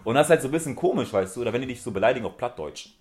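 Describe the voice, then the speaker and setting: A man in relaxed casual chat, talking quickly in slangy talk with lots of fillers. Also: mid-range voice.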